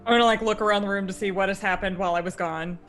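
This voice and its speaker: A woman's voice: medium pitch, steady tone, rapid-fire, fairly bright tone. A woman playing a tabletop role-playing game, improvising casually, with music behind her. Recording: music under the voice.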